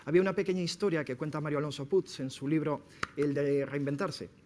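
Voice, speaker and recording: A man from Spain giving a sales seminar to entrepreneurs, lively and quizzing his audience. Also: fairly high pitch, fast talker, slight background noise. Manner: lively, questions the audience directly. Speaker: speaker at a business talk. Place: seminar room.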